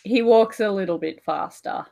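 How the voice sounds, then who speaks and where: A woman's voice: medium pitch, normal speed, vocal fry, dark tone. A woman narrating her character's actions in a tabletop storytelling game in a matter-of-fact way.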